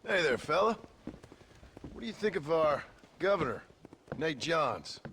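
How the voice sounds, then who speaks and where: An actor playing a terse, wry, world-weary western gunslinger in a video game, dry and laconic. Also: male voice, a little high, big pitch swings, a little slow, fairly bright tone, slight background noise, heavily acted. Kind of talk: video game cutscene acting.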